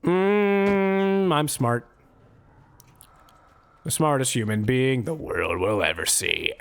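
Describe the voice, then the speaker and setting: A man's voice: lowish voice, sing-song, takes it slowly, gravelly, a bit bright. A young adult man streaming a game live, rambling through sarcastic, profane jokes as he plays. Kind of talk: live gameplay commentary.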